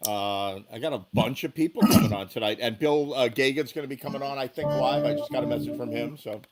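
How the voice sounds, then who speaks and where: A man hosting a live online music show, chatting in a relaxed way with lots of fillers. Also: medium pitch, quick pace. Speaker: host.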